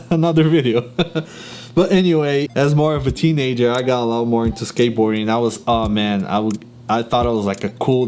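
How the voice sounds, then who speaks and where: Casual and chatty, a young man from Brazil with a Brazilian Portuguese accent talks to camera as a YouTuber, laughing frequently and padding gaps with ums and restarts. His voice is mid-range and a little mellow.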